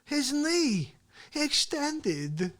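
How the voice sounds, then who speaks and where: A performer playing a brash, boastful male talk-show host who rambles through a comedy rant, swinging between loud yelling and hushed asides. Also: sits high, big pitch swings, drawn-out words, full character voice. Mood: rambling, boastful. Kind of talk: comedic character monologue.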